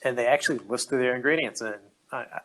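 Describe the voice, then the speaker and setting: A man co-hosting a casual podcast, reading out news items in a steady, matter-of-fact way. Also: medium pitch, quick pace, poor audio. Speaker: podcast co-host.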